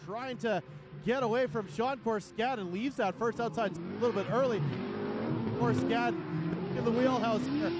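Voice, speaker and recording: A man doing excited, hyped live play-by-play as one of two dueling motorsport announcers. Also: extremely high pitch, noisy background. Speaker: drift competition announcer. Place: outdoor race track event.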